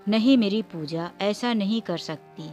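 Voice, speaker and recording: A woman's voice: medium pitch, a little slow, darkish tone, soft background music, close to an everyday voice. Woman reading as a pleading young husband.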